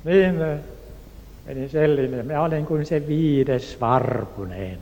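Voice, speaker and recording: A man from Turku, Finland, telling a personal testimony in an earnest, unhurried way and acting out the voices of the people in his story. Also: a little high, gravelly, dark tone. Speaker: speaker giving a personal testimony. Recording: echoey hall, faint background noise.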